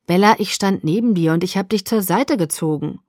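A woman voicing a calm, intense teenage boy who speaks quietly and earnestly in a storybook reading. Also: mid-range voice, a little fast, no echo, studio quality, natural voice. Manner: quiet, earnest, softly insistent.

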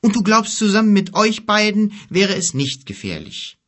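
A small, uneasy traveller who hesitates and answers with weary irony, as a man puts him on. The husky voice is lifted above the reader's normal tone, with lively intonation. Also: high-pitched, moderate pace, pitched above the performer's own voice, exaggerated voice. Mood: hesitant, wry. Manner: hesitant, wry, sighing.

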